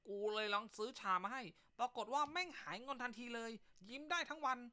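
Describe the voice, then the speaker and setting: A man's voice: extremely high pitch, brisk, bright, forceful tone. A male comedy host telling jokes in casual chat, teasing banter full of crude slang.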